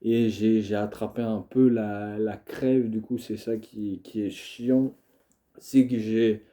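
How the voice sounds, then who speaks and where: A young man who has a cold, coughing now and then, talks casually to camera as a video creator. His voice is lowish, dark, and slow, with little pitch movement, and his speech is hesitant, packed with fillers and restarts.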